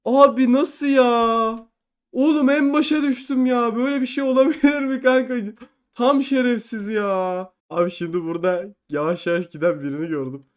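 Man, high pitch, gameplay commentator; yelps, low mutters, teasing slangy banter. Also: normal speed, clean tone. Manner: excitable, yelps and cries out when falling, then drops to low muttering. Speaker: gamer playing an online game.

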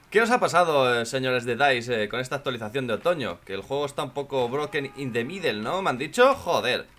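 Hoarse gamer, lively pitch. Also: male voice, fairly quick. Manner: swears a lot and jokes, shouts when in danger. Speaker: gameplay commentator. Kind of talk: casual gameplay commentary.

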